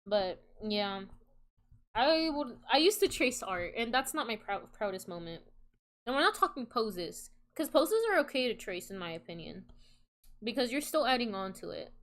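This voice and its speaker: Very animated at a moderate pace, this young woman's fairly high voice sounds a bit bright as she chats during her livestream. She's indoors by herself at a computer on a voice call setup, rambling in slangy, self-deprecating fashion over background music.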